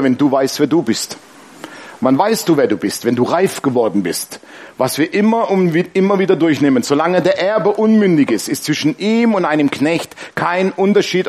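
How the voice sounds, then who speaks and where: Preacher guy, slightly high voice, tells funny stories, keeps asking the crowd stuff. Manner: lively storytelling with laughs and congregation call-and-response. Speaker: pastor. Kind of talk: sermon.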